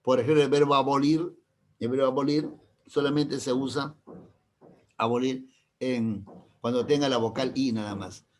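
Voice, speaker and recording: Standing at the front of the class, a middle-aged language teacher walks through grammar rules in an easy, mid-pitched, steady, slightly mellow voice, with a little hiss or hum in the background. He constantly pauses to fire short questions at the room to check understanding, and occasionally drops in a teasing example to keep things light.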